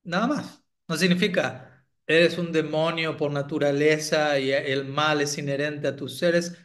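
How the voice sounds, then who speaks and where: A man with a slightly high voice gives a devotional talk as a spiritual teacher. He speaks in a reflective, searching way, often checking in with his listeners. Now and then he pauses to clear his throat. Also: steady tone, a bit bright. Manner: reflective, asks "¿no?" after points.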